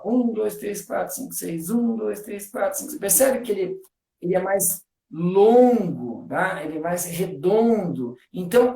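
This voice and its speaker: A man's voice: sits high, a little mellow, echoey room. A man, a guest on a live stream, explains things eagerly in casual talk. He fills his speech with "né" and counts out rhythms aloud. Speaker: guest discussing literature.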